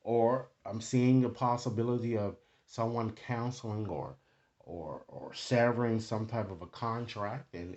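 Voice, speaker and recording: A male tarot reader hosts an improvised, casual card reading aimed at the viewer, often tossing in short tag questions. His medium-pitched voice is a little mellow, and the recording sounds muffled.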